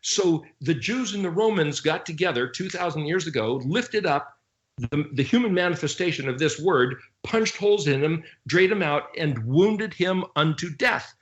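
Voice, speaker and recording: A man giving an informal Bible study talk. He speaks in an animated way, with sarcastic asides, and slowly spells out Hebrew letters. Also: muffled recording. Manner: animated, with sarcastic asides and sudden jumps in pitch. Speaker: Bible teacher.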